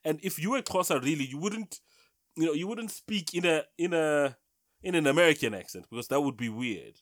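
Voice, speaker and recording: A man co-hosting a casual film review chat, halting and repeating words with many fillers. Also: fairly high pitch, expressive, no room sound, studio quality. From South Africa. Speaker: podcast co-host.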